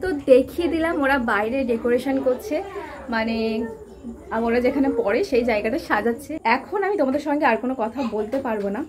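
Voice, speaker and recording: A young woman vlogging casually to a handheld phone camera at home, a tutor who chats quickly and scolds loudly during a prank. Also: on the high side. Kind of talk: casual vlog chat. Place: home rooms. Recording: echoey room, clear background noise.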